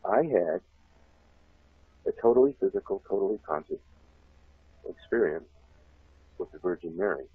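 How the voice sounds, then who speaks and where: Husky low-voiced man on a phone line. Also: normal speed, long pauses, dry recording. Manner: animated, laughs often, acts out shouted voices. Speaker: guest telling a life story. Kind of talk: rambling storytelling on a talk show.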